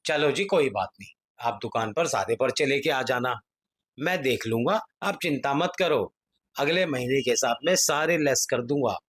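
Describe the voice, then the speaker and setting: A man's voice: mid-range voice, lively intonation, normal speed, a bit bright, breathy edge. A man acting as a grocery shopkeeper in a drama, placating a customer in a wheedling, protesting manner. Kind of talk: Hindi family drama acting.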